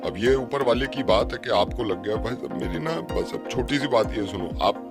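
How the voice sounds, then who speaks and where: A man making a prank phone call, complaining about his in-laws and then arguing loudly. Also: mid-range voice, moderate pace, music in the background. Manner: complaining, then shouting argumentatively. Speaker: radio prank caller.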